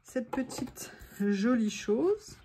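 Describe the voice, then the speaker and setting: A woman's voice: a little high, very animated, drawn-out words, warm tone, slight background noise. A woman hosting a craft tutorial, chatting to viewers as she works and laughing at her own mistakes. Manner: self-mocking, laughs at her own mishaps, talks to viewers. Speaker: craft video host.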